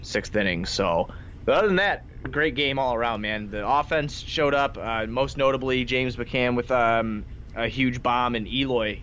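A man's voice: medium pitch, normal speed, fairly bright tone. A man hosting a sports podcast, recapping a game in casual, informal, slangy chat. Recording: dull lo-fi sound with faint noise.

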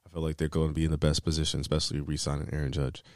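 A man's voice: a bass voice, flat delivery, very fast, a little mellow, no room sound, clean studio sound. A man hosting a casual chat, rambling along in slangy, profane language. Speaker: podcast host.

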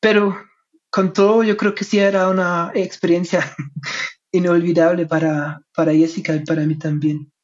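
A man's voice: sits high, little pitch movement, moderate pace. German-accented man speaking Spanish, dull recording. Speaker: interviewed academic researcher and author. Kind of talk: conversational interview answers. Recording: dull, lo-fi sound.

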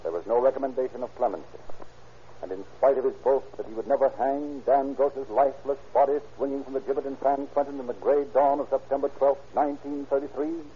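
A man's voice: mid-range voice, steady tone, a little fast. A man narrating and announcing in a formal, declamatory 1930s radio style. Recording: tinny, noisy 1930s radio broadcast.

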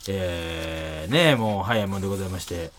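A man in his forties with a Kansai accent, co-hosting a radio comedy show, animated and breaking into loud comic outbursts. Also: low-pitched, fairly quick, a little hiss or hum. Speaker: radio comedy duo host. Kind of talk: casual radio banter.

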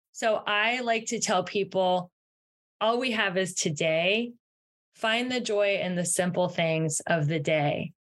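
Speaking at a medium pitch with a fairly bright tone, a success mentor appears as a guest on a podcast interview. Her answers about her work come across as upbeat, sincere and encouraging.

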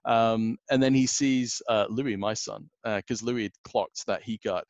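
A man's voice: on the low side, steady tone, a little slow, no echo, dull audio. A man, rambling through a casual podcast anecdote with many fillers. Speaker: podcast guest.

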